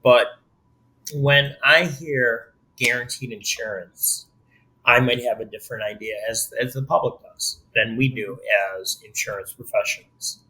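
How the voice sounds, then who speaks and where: Bright-voiced joking male podcast host. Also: mid-range voice, measured pace, rough recording. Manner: joking, teasing banter. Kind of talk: casual chat.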